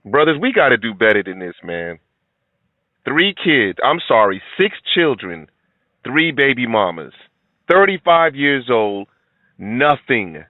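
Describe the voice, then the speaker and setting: A middle-aged man hosting a commentary video reacts bluntly and preachily, lecturing his audience. His voice is medium-pitched with big swings in pitch, delivered at a measured pace. The recording is tinny and phone-like, dry with no room sound.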